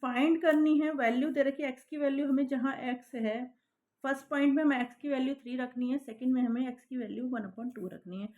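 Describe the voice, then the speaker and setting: Female maths teacher, patient, a little high-pitched, steady step-by-step explanation. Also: a little fast. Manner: patient, checks in with repeated "thik hai" and "hai na".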